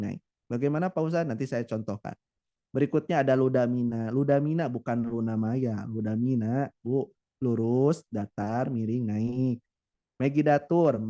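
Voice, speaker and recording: A man with a medium-pitched, warm voice teaches a Quran recitation class in a chatty way, often turning to speak to his students directly. He includes sung demonstrations, and the sound is lo-fi.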